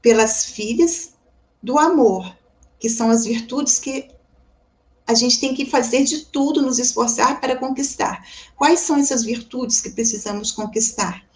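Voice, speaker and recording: Speaking at a measured pace in a fairly high voice, a Brazilian woman offers a Spiritist devotional reflection in Brazilian Portuguese. Calm and thoughtful, she keeps asking her listeners rhetorical questions and addresses them affectionately as "gente."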